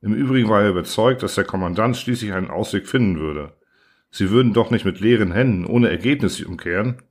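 A man narrating an audiobook in a steady, even reading style. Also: fairly low pitch, a little fast. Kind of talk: scripted narration.

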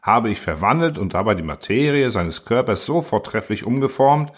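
A man reading the part of a condescending machine that rules by order and lectures its makers in a calm, lecturing manner. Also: fairly low pitch, moderate pace, husky. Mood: cold. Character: cold, lecturing order-obsessed machine ruler.

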